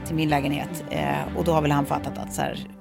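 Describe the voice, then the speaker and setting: A woman in casual chat, telling a scary story with lively acted-out voices. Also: deep voice, vocal fry, music in the background.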